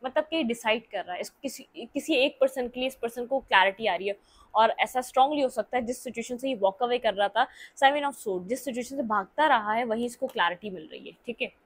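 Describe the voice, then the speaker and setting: A woman with a Hindi accent giving a tarot reading, explaining each card in a thinking-aloud way and often pausing on fillers. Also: a little high. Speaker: tarot reader.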